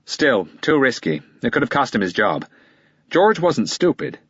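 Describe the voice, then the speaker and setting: Man voicing a clipped defensive lawyer, husky low voice, dry muffled audiobook sound. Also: sing-song, measured pace, a bit bright, no room sound, exaggerated voice. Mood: curt, guarded. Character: guarded middle-aged male lawyer, curt and defensive.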